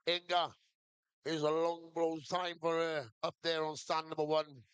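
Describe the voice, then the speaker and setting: A male live commentator with a smooth, clear voice set a little high. He gives running play-by-play of a shearing contest in short phrases, heard dry and close. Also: a bit bright, no room sound. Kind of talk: live sports commentary to a crowd.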